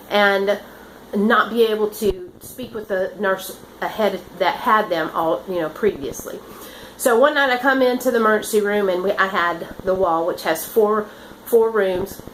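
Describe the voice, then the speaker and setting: Older woman, nurse, rambling earnest storyteller, mid-pitched, faint hiss behind. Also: a bit bright, poor audio. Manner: rambling, earnest, with many restarts and fillers. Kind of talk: casual storytelling.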